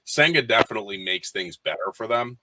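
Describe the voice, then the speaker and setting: A man's voice: on the low side, lively intonation, a little fast, crowd noise, low-quality recording. A man co-hosting a podcast, talking baseball casually with lots of fillers and restarts. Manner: rambling with frequent fillers and restarts. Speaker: podcast co-host. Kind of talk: casual sports chat.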